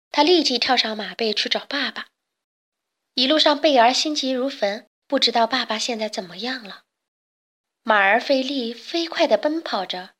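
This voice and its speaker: A woman narrates a children's storybook, calm and expressive. Her voice sits high and clear. She shapes each sentence for young listeners.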